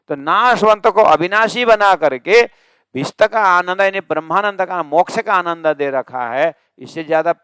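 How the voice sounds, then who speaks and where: A male religious teacher giving a scripture discourse, chanting verses slowly and explaining them with emphatic, rising questions. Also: fairly high pitch, fairly bright tone, clean tone, no room sound, clean studio sound.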